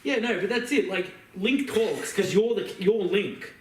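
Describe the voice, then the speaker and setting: Heard through a distant mic with roomy echo, a man with a high, expressive, unhurried voice co-hosts a podcast. He talks video games and films casually, full of slang, strong opinions, and jokes.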